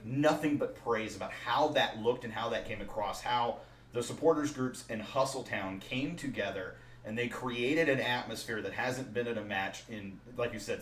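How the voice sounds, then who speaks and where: Podcast co-host, male, animated rambling talk, roomy sound, slightly off-mic. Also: fairly low pitch. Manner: talkative, animated recounting. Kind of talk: casual chat. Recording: roomy, distant mic with faint noise.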